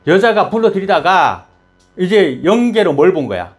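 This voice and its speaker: A man preaching a sermon in an animated way, jumping from loud high bursts to low murmurs and quizzing the congregation. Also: moderate pace, faint music behind. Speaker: pastor.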